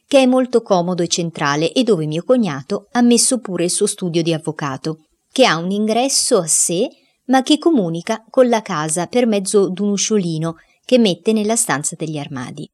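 A woman's voice: fairly low pitch, darkish tone. Woman reading a storybook aloud. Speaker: audiobook reader. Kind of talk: storybook narration in first person as a boy.

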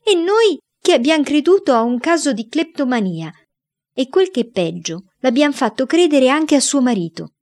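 A woman voicing an outraged older sister who yells in a read-aloud story. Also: sits high, sing-song, normal speed, pitched above the performer's own voice. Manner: yelling, outraged.

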